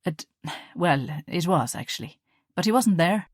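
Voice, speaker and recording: A woman reading the part of a cheerful, joking young man in an audiobook, lively and teasing. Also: on the low side, measured pace, husky, no room sound, clean studio sound. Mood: sheepish. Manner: playful, teasing, loud and lively.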